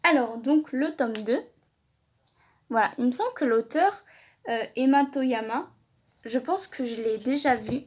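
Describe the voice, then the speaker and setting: Excited high-voiced woman unboxing. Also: a little slow, pauses often, breathy edge. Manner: excited, exclaims often, repeats words. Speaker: vlogger. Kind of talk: casual unboxing chat.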